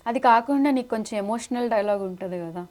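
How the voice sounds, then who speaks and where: A woman's voice: on the high side, fast talker, a little mellow. A woman interviewing a child actor in a casual chat, playful and teasing.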